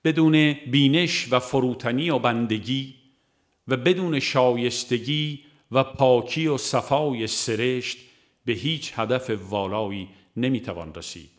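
A man with a mid-range voice narrates a religious audiobook, reciting scripture and verse in a measured, formal style and pausing between phrases.

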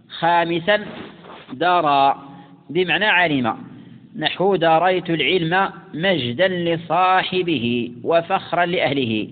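A man teaching classical grammar, who slowly recites examples and repeats words for emphasis. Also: on the high side. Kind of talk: lesson explaining classical grammar. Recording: tinny phone-like sound with long reverb.

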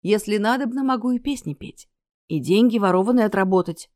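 A woman's voice: medium pitch, lively intonation, brisk, darkish tone, no echo, clean studio sound, natural voice. A woman voicing a nervous young male bard who threatens and then pleads, in an audiobook reading. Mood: pleading. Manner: tense, whispering threats.

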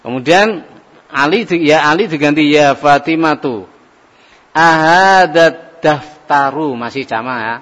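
A man teaching an Arabic grammar lesson to a class, drawing out each phrase slowly as he drills it. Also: on the high side, a bit bright. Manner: slow, drawn-out drilling of phrases. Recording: dull lo-fi recording with long reverb.

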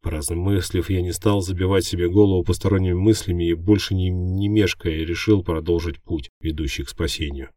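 Deep-voiced male audiobook narrator. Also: fairly even intonation, fairly quick, hardly any pauses, mellow, no echo, clean studio sound, recorded from a distance. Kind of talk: first-person audiobook narration.

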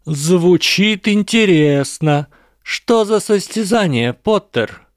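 A man's voice: medium pitch, lively intonation, moderate pace, creaky, dry recording, clean studio sound. A man voicing a haughty aristocratic schoolboy wizard with a sneering, drawling manner in a read-aloud story.

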